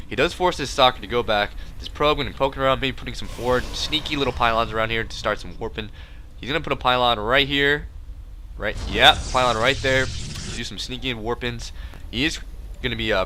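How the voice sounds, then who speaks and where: A man's voice: mid-range voice, noisy background. A man with a congested, stuffy nose who breathes through his mouth, doing casual, rambling game commentary with joking, self-deprecating asides. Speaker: esports match commentator.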